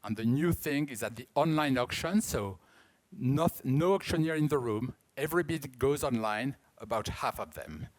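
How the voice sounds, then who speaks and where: A man in his fifties with a French accent, a native French speaker, giving a conference talk as an auction house director, explaining in a halting way with frequent restarts. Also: mid-range voice, lively intonation. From France. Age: 50s.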